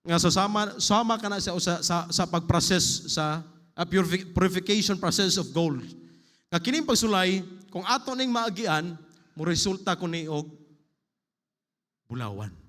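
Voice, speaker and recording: Male pastor preaching in a church. Slightly high voice, long hall reverb, scripture read in English between Cebuano preaching. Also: lively intonation, normal speed, fairly bright tone. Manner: rising emphatic delivery on lists. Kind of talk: sermon. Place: church sanctuary.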